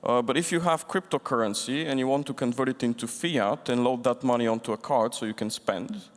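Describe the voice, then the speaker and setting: Panelist, male, from Bulgaria; measured, restarts often, long hall reverb. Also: mid-range voice. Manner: thoughtful, with frequent restarts. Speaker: panelist, fintech executive. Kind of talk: conference panel discussion. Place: large conference hall.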